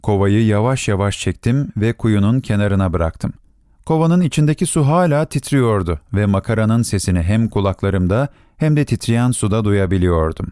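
Lively, mellow-voiced male storyteller. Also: on the low side, moderate pace, clean tone, no room sound, clean studio sound. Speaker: narrator. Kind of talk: scripted storybook narration.

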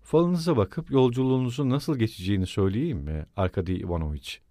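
Guy reading as a prim ghost lady, reproachful, low voice, dry sound. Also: fast, mellow, no echo, close to an everyday voice. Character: ghost of a scolding older wealthy woman. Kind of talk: audiobook character reading.

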